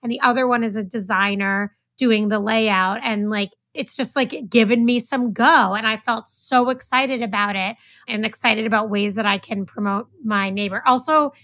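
A woman's voice: on the high side, fairly even intonation, moderate pace, few pauses, a bit bright, dry recording. An enthusiastic woman from California co-hosting a podcast, chatting casually with lots of "like". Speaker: podcast co-host.

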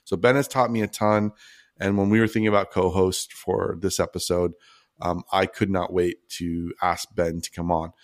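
Podcast host guy, lowish voice, dry sound, chatty intro with ums. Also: little pitch movement, moderate pace, no echo. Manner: warm, praising introduction with fillers. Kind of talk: casual podcast interview.

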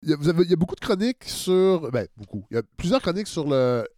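A man hosting a podcast interview, chatty and agreeable, often backing the guest with quick yeses. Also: fairly high pitch, very animated, mellow, dry recording, studio quality. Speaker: podcast host. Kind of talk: conversational interview.

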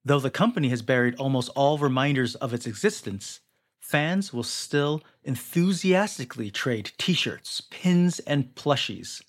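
Over background music, a young man reads documentary-style narration for a feature article, delivering the script dramatically like a story. His medium-pitched voice is animated, at a measured pace.

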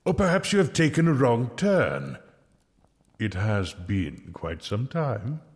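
A wry, kindly friar, echoing hall. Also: male voice, medium pitch, big pitch swings. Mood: gently teasing. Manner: measured, pastoral, gently ironic. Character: kindly, wry medieval friar, gently reproving. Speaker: actor in an audio drama. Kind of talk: dramatic audio drama acting. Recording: long reverberant hall.

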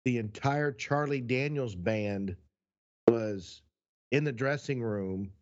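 A man who once worked as an announcer, telling stories on a podcast in an easygoing, anecdotal way. His voice is a middle pitch for a man. The recording sounds a little dull and muffled. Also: slow. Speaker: podcast co-host, former announcer. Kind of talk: casual storytelling.

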